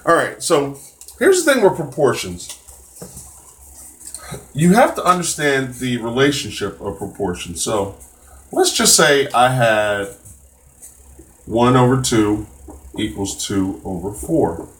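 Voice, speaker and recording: A man's voice: mid-range voice, sing-song, takes it slowly, pauses often, fairly bright tone. A man teaching a live-streamed test prep math lesson, casual and encouraging, with many fillers and restarts.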